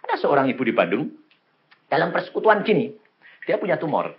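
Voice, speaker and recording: Elderly male preacher, 70s, slightly high voice, dramatic and animated, muffled old recording. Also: fast talker. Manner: swings from low murmurs to high excited cries, acts out people in the stories. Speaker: pastor. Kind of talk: sermon.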